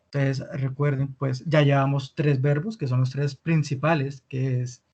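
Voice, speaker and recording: A man teaching an online language lesson, patiently repeating words slowly for his students. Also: medium pitch, little pitch movement, darkish tone, lo-fi sound. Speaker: Spanish teacher.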